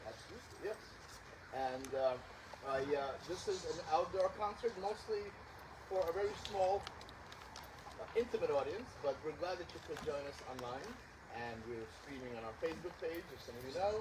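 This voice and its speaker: A man with a slightly high, expressive voice introduces a small outdoor concert at a moderate pace, rambling and poking fun at himself with plenty of fillers. He is the event's co-director and host, and the live recording is distant with background noise.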